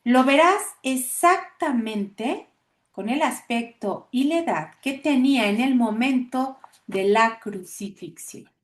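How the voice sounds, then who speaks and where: A woman reading the lines of a calm spiritual teacher, measured and explanatory. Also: a little high.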